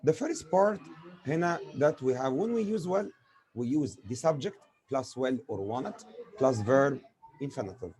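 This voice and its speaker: Explaining grammar through examples, a native Arabic speaker with an Egyptian accent acts as a teacher who asks questions and answers them himself. His medium-pitched voice has lively intonation and a darkish tone at a moderate pace, with a little hiss or hum.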